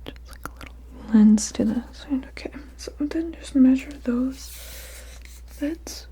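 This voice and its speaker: A woman in a whispered role-play, mumbling to herself in a breathy whisper with soft murmurs, hums and half-finished phrases that trail off. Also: sits high, unhurried. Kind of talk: whispered ASMR role-play of studying the listener and taking notes.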